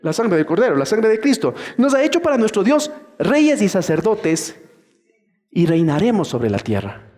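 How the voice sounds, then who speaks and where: High-voiced pastor preaching in a hall. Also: male voice, moderate pace. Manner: animated preaching, acts out churchgoers' voices. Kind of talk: sermon. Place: church.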